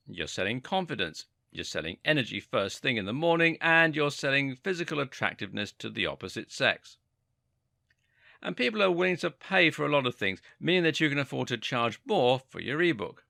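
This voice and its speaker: Man narrating an online course, gravelly. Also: medium pitch, bright, forceful tone, dry recording, studio quality. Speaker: course instructor. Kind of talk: scripted narration.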